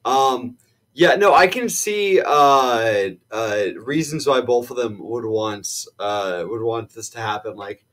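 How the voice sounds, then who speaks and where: A man's voice: medium pitch, expressive, takes it slowly, a bit bright. A man with an ordinary, middle-range voice talks casually about a video game's plot. He hesitates often and pads his sentences with fillers while working through his theories. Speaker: guest discussing the game. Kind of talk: casual game discussion.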